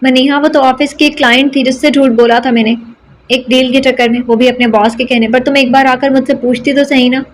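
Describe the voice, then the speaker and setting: A woman's voice: high voice, fairly even intonation, slight background noise, lightly acted. A woman voicing a remorseful young husband who pleads earnestly and coaxes his wife in an audio novel. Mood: pleading. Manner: earnest and coaxing.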